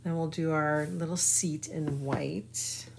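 A woman's voice: low-pitched, fairly even intonation, slow, vocal fry, noisy background. A woman giving a chatty, folksy live craft tutorial and talking to her viewers as she works. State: hiccuping. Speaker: craft demonstrator.

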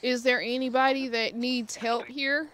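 A woman's voice: fairly high pitch, level tone, measured pace, noisy background. A woman chatting informally to viewers as a paranormal vlogger, rambling and talking aloud to herself. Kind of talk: casual chat to viewers. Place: outdoors in a cemetery.

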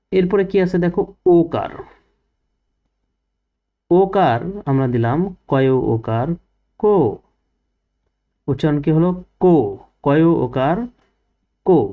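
Male teacher for small kids, unhurried and patient, lo-fi sound. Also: fairly high pitch, animated. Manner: patient, asks questions then answers them himself. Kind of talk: first-grade Bengali reading lesson.

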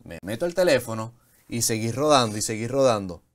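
A young adult man, a guest in an interview, telling his story in an animated, casual way and laughing at it. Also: mid-range voice, a little fast. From Venezuela.

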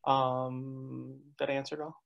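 A man's voice: medium pitch, little pitch movement, a little slow, gravelly, highs cut off, background noise. A man introducing himself on a video call, stumbling over his words. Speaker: lay youth leader. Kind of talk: casual self-introduction.

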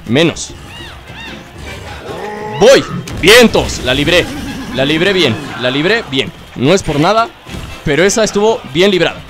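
Young Mexican gamer, high and animated, cracks jokes and yells at the game over its music. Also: male voice, a little slow, long pauses. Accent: Mexican Spanish. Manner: joking, excitable, chatters to the game, bursts into shouts. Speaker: gaming video host. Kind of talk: casual let's-play commentary.

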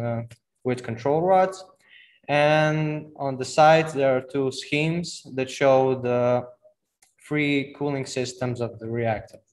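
A man's voice: mid-range voice, a little mellow. A teenage boy from Slovenia with a Slovenian accent, presenting his school on a video call, reading slides with small slips. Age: teens. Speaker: student presenter.

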